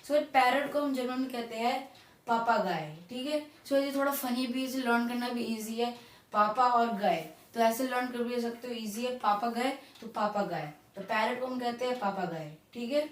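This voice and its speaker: A woman teaching German vocabulary in casual Hinglish, slowly repeating each word and often checking in with her viewers. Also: on the high side, far from the mic. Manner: repeats words slowly, checks in with "ठीक है" and "guys". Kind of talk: casual classroom explanation. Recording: roomy echo, voice off-mic.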